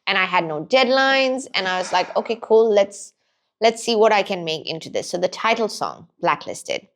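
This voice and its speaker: A woman from Pakistan, a podcast guest, telling her story in a lively way and laughing often. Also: medium pitch, normal speed. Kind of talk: casual interview chat.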